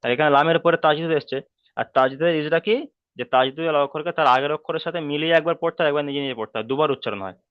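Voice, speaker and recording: Bengali guy teaching quran reading online, dry flat lo-fi audio, repeats stuff a lot. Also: fairly high pitch, clean tone, no room sound. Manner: patient, repeats rules slowly and asks if students follow. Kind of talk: online class lesson.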